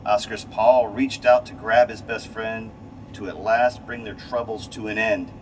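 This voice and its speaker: With a voice on the low side and a slightly slow pace, a middle-aged man reads a rhyming kids' storybook expressively, now and then fumbling a line and rereading it. A loud, steady ventilation hum, similar to air conditioning, dominates the distant-mic recording from a small, cramped space station window module.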